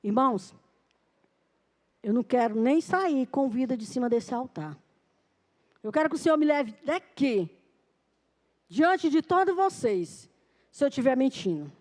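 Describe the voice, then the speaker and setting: A woman preacher with a high voice gives a Sunday sermon. She tells her testimony as a story, plays each person's lines in the dialogue, and keeps calling out "Amen?" to the congregation. At key points she slows to a deliberate crawl. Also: lively intonation, a little mellow. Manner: testimony told with quoted dialogue, frequent "Amém?" to the congregation; slows down sharply for emphasis.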